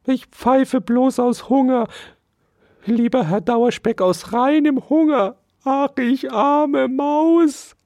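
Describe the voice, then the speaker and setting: A storyteller voicing a poor, self-pitying female field mouse who pleads and wails in a very high, strained voice. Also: slow pace, darkish tone, no room sound, studio quality. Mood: wailing.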